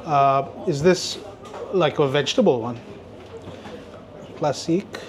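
A man's voice: a little high, takes it slowly, slight background noise. A man in his thirties from India, casually reviewing sandwiches to camera on an outdoor café terrace, tasting and reacting aloud as he goes. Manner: chatty, relaxed, tastes and reacts aloud. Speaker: food vlogger. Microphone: camera-mounted shotgun mic.

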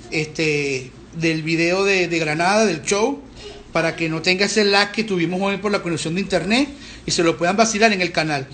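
Male host, middle-aged, high pitch, loose and chatty, slight noise floor. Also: fairly bright tone. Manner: rambling, chatty, with restarts and fillers. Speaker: band frontman hosting a live stream. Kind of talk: casual live-stream chat.

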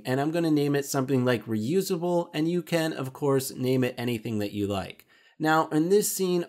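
A man hosting a software tutorial, explaining each step clearly and casually. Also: on the high side. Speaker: tutorial host. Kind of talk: screen-recorded software tutorial.

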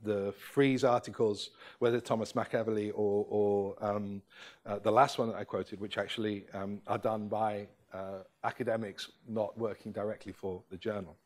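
A man's voice: fairly low pitch, level tone, a little mellow. Older man lecturing from a lectern. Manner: halting, many fillers and restarts, gestures while speaking. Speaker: keynote speaker. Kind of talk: academic lecture. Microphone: lectern microphone.

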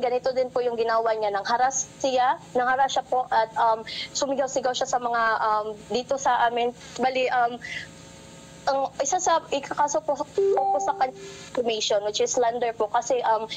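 A woman's voice: high voice, slight background noise, rough recording. A young woman making a complaint, hesitant with many fillers, polite to the host. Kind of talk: complaint on a call.

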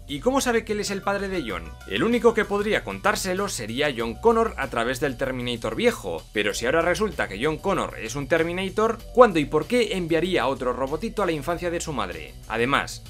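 A man's voice: a little high, a bit bright. A man with a Castilian Spanish accent narrating a comedic film review in a sarcastic, sweary, colloquial manner. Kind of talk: comedic scripted film commentary.

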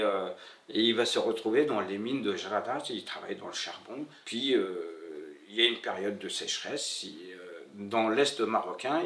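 In an interview, a middle-aged bookseller from Morocco reflects on his past, speaking French, a language he acquired after moving to France. He searches for words, halting and repeating, in a lowish, slightly bright voice. Recorded seated in a bare-walled room, the sound has roomy echo from a slightly distant mic.

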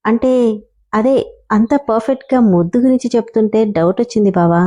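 A woman's voice: fairly high pitch, a little fast, mellow, natural voice. A woman voicing a playful, affectionate young wife who coaxes and pleads with her husband. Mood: coaxing. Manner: coaxing, pleading.

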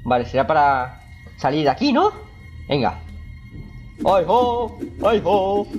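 A jumpy gaming YouTuber with a Spain Spanish accent, reacting out loud to a horror game in nervous, exclaiming chatter. The pitch swings widely between hushed lows and sudden highs. The audio is dull and lo-fi, with faint game music underneath. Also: big pitch swings, slow pace, breathy edge. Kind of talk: horror game let's play commentary.

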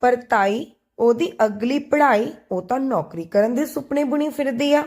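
Woman doing a cheeky young best friend, joking, slightly high voice, storybook. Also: moderate pace. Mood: playful. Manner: playful, joking and lively.

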